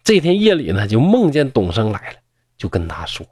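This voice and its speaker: A man's voice: mid-range voice, huge pitch swings, fairly quick, darkish tone, slightly rough. A man telling a folk tale in a chatty manner with mocking asides. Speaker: storyteller.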